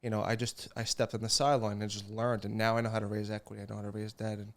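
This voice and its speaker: A man in his thirties co-hosting a casual podcast, relaxed, sharing his own experience with frequent "you know"s. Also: lowish voice, racing. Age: 30s. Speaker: podcast co-host. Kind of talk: casual conversational interview.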